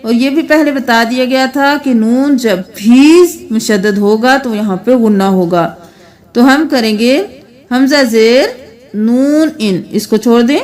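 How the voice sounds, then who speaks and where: A woman with a high voice leads a Quran reading lesson. She explains each rule patiently and breaks words down slowly, sounding out one letter and vowel mark at a time. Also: darkish tone. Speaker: Quran recitation teacher.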